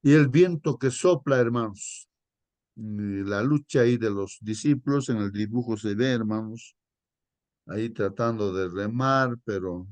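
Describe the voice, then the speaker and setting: A man leading a Bible study for his congregation in a conversational way, repeatedly addressing them as brothers and reading verses slowly and deliberately. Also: fairly low pitch, darkish tone, no echo. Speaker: Sabbath school lesson leader.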